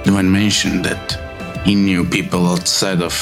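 A man voicing a halting, recovering young woman. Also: sits low, flat delivery, gravelly, over music. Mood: dazed. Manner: halting, hesitant. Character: weak young woman recovering in bed, confused. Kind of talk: tabletop role-play.

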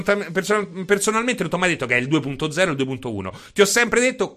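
Bright-voiced ranting man. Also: high voice. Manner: emphatic, repetitive, swears freely. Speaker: streamer. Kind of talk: casual livestream rant.

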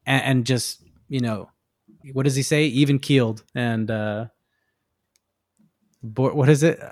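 A man appears as a podcast guest and talks at an ordinary, middling pitch. He rambles in a loose way, stopping and restarting his thoughts. The recording is close and dry. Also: darkish tone, dry recording. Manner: loose and rambling, many fillers and restarts, laughs easily. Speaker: guest, tattoo artist. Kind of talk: casual interview chat.

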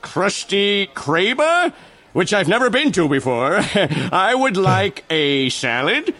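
An actor playing a scheming, pompous, theatrical tiny villain in a cartoon game. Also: male voice, sits high, big pitch swings, pushed and bright, full character voice. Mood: falsely friendly, sly. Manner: pompous, hammy, halting when pretending.

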